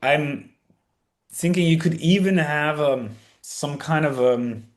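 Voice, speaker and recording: A man's voice: fairly high pitch, slow pace. A man hosting a live feedback session on a video call, talking casually with many fillers and restarts. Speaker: DJ giving track feedback.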